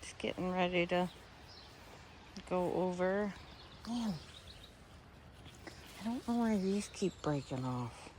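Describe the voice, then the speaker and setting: Slow, musing woman touring her garden. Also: on the low side, slight background noise. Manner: relaxed, musing, trails off mid-sentence. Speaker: garden vlogger. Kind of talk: casual garden tour narration. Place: outdoor garden.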